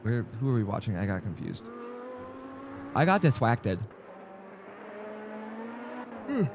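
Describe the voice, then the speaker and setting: A man's voice: mid-range voice, huge pitch swings, slow pace, background noise. A young man rambling through casual live-stream commentary on a sim race, jokey and easily distracted. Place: home streaming setup.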